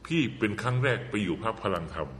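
A man with a lowish voice tells an animated story, repeating words for emphasis. He sounds like he is in a reverberant room. There is a faint hum of ambience behind him. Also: fast talker. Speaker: guest commentator. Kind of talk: casual political talk.

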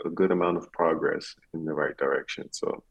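A man, an athlete, answering interview questions conversationally with halting, reflective phrasing. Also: extremely low pitch, steady tone, poor audio.

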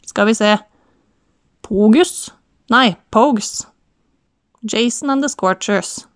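A woman reading an audiobook voices a brisk, joking male country auctioneer with a Southern Norwegian accent and chatty, wry patter. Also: high-pitched, fairly bright tone, clear, resonant tone, no echo, studio quality.

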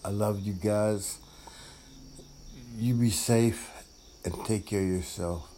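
A man with a smoker's rasp chatting casually and informally to his followers as host of his own show. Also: on the low side, fairly even intonation, takes it slowly, warm tone, a little hiss or hum. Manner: informal, repeats himself, addresses listeners directly.

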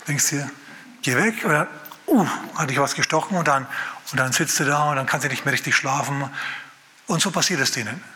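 A man preaching a sermon as pastor, telling a story with lively gestures in his voice and acting out quoted lines. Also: fairly high pitch, long reverb tail.

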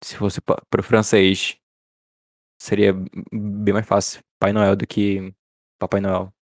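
A man's voice: on the low side, monotone, takes it slowly, dry recording, clean studio sound. A man with a Brazilian Portuguese accent, co-hosting a podcast in casual chat and often stumbling and restarting his words. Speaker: podcast co-host.

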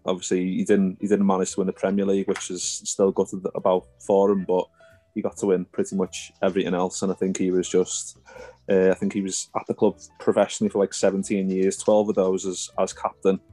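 Low-pitched Scouse man, casual football podcast chat over faint music. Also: monotone, a little fast, mellow. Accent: Liverpool Scouse. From Liverpool, England.

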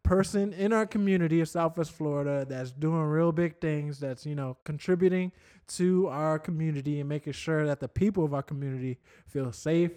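A man with a voice a little higher than most talks like a frat bro. He is a podcast co-host, bantering casually with plenty of slang and loose swearing. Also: moderate pace, hardly any pauses, mellow.

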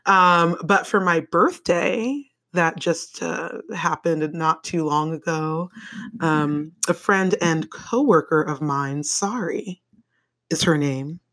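A woman with a deep, raspy yet fairly bright voice hosts her own podcast from her home bedroom, talking slowly in a casual solo monologue. She laughs often and swears freely, speaking into a microphone that is held in hand on a stand.

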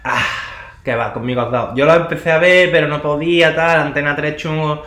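A rapid-fire Andalusian man chatting on a podcast, words tumbling out quickly. He is animated and keeps talking over his co-host. The room rings with a noticeable echo. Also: on the high side. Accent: Andalusian Spanish. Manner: animated, talks over the other host, close to the mic. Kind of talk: casual chat.

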